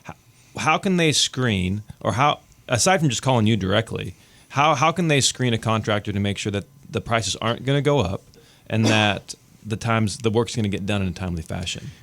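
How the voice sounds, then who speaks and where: A man's voice: on the low side, a little fast, fairly bright tone. A man hosting a radio chat show, jokey and chatty with lots of fillers. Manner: jokey, chatty, uses "like" a lot.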